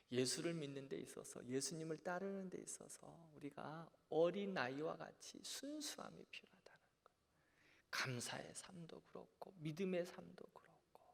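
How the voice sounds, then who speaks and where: Pastor type, man, slightly high voice, earnest Bible lecture, long church echo. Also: vocal fry. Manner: earnest, asks the listeners rhetorical questions. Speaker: pastor teaching a Bible class. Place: church sanctuary.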